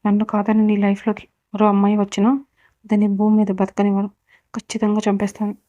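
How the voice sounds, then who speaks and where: A woman's voice: medium pitch, fast talker, dry recording, natural voice. A woman reading as an obsessive, menacing young woman. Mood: obsessive, threatening. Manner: menacing, vows violence calmly. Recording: dull, dry recording.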